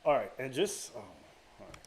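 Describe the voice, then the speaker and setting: A man's voice: mid-range voice, big pitch swings, moderate pace. A man narrating a tabletop game as dungeon master, hesitant, with frequent fillers and restarts. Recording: clear background noise.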